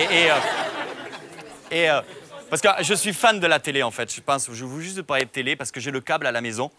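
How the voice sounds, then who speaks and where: A young man from Perpignan with a southern French accent, a stand-up comedian chatting and then doing his routine, joking, with lots of stammered restarts. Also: fairly high pitch. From Perpignan, southern France. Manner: quick, joking, many restarts and stammered repeats. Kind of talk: casual chat and stand-up routine. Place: TV studio café set with audience.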